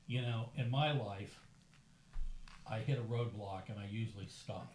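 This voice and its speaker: An older man with a lowish voice leisurely tells stories at a dinner table. The room is echoey, with a faint hum behind him. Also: unhurried. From United States. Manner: storytelling, relaxed and chatty. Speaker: host. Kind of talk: casual dinner conversation.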